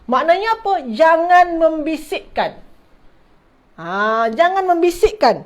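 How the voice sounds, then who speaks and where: High-pitched woman teaching grammar. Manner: repeats terms, restarts words, keeps checking understanding; addresses listeners formally as ladies and gentlemen. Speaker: religious teacher. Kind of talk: online Arabic grammar class.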